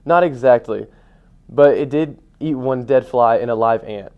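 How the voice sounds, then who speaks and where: A man's voice: medium pitch, measured pace, lightly acted. Young man reading as a moody schoolgirl. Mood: grumpy. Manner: plain read-aloud delivery. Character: moody schoolgirl with a smelly pet. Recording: dull lo-fi sound.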